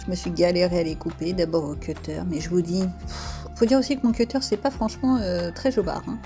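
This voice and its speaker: A French woman with a warm, mellow voice talks through her crafting in a loose, chatty way, with plenty of fillers and jokes at her own expense. Faint background music plays under her. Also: on the low side, steady tone, a little fast. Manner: chatty, self-deprecating, lots of fillers. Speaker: crafting vlogger. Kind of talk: casual crafting tutorial.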